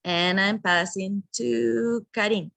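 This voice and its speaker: A woman's voice: medium pitch, fairly even intonation, slow pace, gravelly, a bit bright, no room sound. A woman introducing herself on a video call, nervous and laughing.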